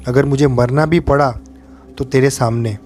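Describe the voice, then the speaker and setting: A man playing a terrified young man who shouts in trembling defiance at a ghost in a horror story. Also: mid-range voice, fairly even intonation, normal speed, soft background music, close to an everyday voice. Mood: desperate.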